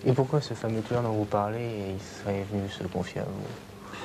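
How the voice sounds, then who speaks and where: A man's voice: on the low side, steady tone, normal speed, gravelly, background noise. A male interviewer putting informal, probing questions, secretly recorded on a hidden mic.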